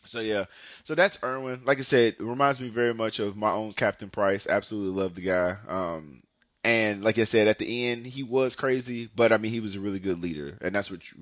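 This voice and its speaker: A man's voice: medium pitch, fairly bright tone, no echo, studio quality. A young man hosting a podcast, talking casually about anime in a rambling way, with lots of fillers and self-corrections. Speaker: podcast host. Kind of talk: casual anime talk monologue.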